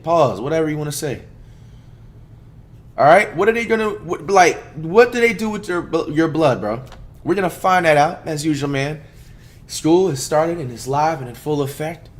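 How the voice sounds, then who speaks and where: A man hosting a reaction video, talking loudly and excitably in casual, profane slang. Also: on the high side.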